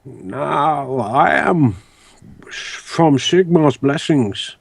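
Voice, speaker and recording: A man's voice: on the high side, lively intonation, drawn-out words, vocal fry, no room sound, exaggerated voice. A man voicing a solemn, menacing religious zealot in a tabletop game, ponderous as he pronounces judgement. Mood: solemn, threatening. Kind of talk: tabletop role-play.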